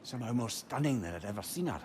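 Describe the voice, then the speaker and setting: In video game dialogue, an actor plays a witty, wistful old advisor with a Scottish accent, telling stories in a lyrical, wry, conversational way. The man's natural voice is medium-pitched, a little mellow, expressive, and fast. Ambient noise sits behind the voice.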